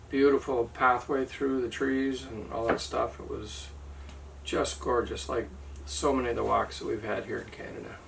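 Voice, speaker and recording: A man with a gravelly, bright voice tells a trip story in a loose, rambling chat full of fillers and small jokes. He sits back from the mic, and there is a faint hiss of ambient noise. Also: mid-range voice, far from the mic, low-quality recording. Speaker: travel vlogger. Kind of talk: casual chat.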